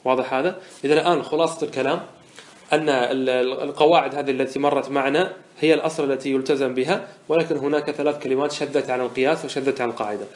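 A man's voice: mid-range voice, fairly even intonation, rapid-fire. A man teaching Arabic morphology in a lecture, explaining verses step by step and often checking that listeners follow. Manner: patient explainer who asks rhetorical check questions; repeats and restarts words while thinking aloud. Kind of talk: classroom lecture explaining a didactic poem.

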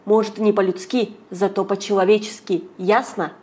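A woman reading an audiobook aloud, narrating lively in the first person as a young girl. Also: mid-range voice, normal speed. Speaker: audiobook reader.

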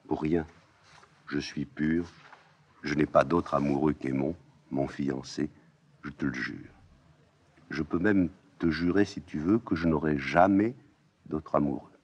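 A man reading a play aloud, voicing a grave, stubborn young princess in a soft, low voice. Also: steady tone, measured pace, pauses often, husky, muffled recording, full character voice. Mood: tender. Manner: soft, hushed, subdued.

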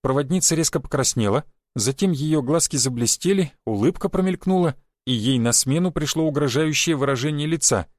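A man's voice: fairly high pitch, animated, brisk, no echo, clean studio sound. A man narrating an audiobook in a wry storytelling manner.

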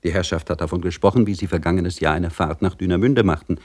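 A man's voice: low voice, quick pace, darkish tone, dry recording, clean studio sound. A man reading aloud voices a frightened young maidservant in an anxious, pleading way. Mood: eager.

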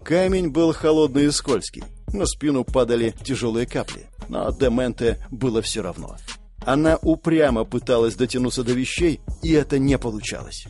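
A man narrating a fantasy audiobook in a steady storytelling manner. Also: mid-range voice, normal speed, faint music behind.

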